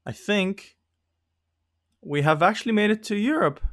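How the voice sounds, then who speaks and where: Here a non-native English-speaking YouTuber offers loose, laughing commentary on his gameplay, poking fun at himself as he goes. His high voice is expressive, a little slow and a bit bright. There's no echo, and the studio sound is clean.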